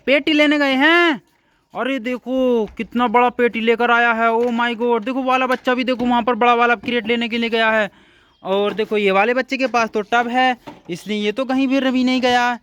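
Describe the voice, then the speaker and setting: A woman's voice: fairly high pitch, steady tone, normal speed, fairly bright tone, smooth. Coaxing woman narrating toy play. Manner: coaxing, exclaiming to viewers.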